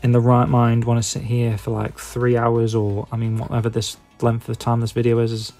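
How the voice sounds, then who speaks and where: A man from England speaks in a Stoke-on-Trent accent with a dark, relaxed tone at a middling pitch. He rambles casually to his viewers, hesitant and self-deprecating, padding his thoughts with filler phrases. Music plays behind him. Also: moderate pace. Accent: Stoke-on-Trent English. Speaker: YouTube video maker and podcaster.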